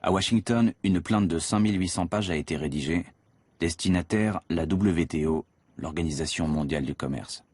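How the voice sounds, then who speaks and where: Deep-voiced male documentary narrator. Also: normal speed, a little mellow, breathy edge, no room sound. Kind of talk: scripted narration. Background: music.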